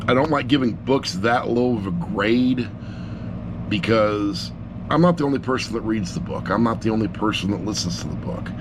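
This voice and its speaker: At a moderate pace and a fairly low pitch, a middle-aged man gives a rambling, self-deprecating and blunt audiobook review with no script. The background is noisy, and the audio comes from an action camera set on a laptop.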